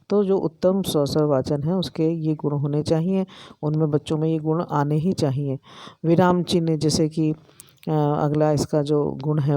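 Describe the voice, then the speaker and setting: A middle-aged woman with an Indian accent, an education lecturer, explaining slowly with many pauses and fillers. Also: low-pitched, dark tone, no echo. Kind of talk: recorded lecture.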